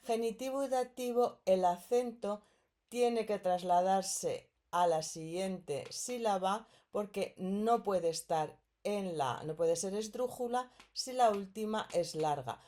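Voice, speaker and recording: A woman's voice: medium pitch, slow, dark tone. A woman from Spain teaching a recorded grammar lesson, explaining patiently step by step and checking in with her students.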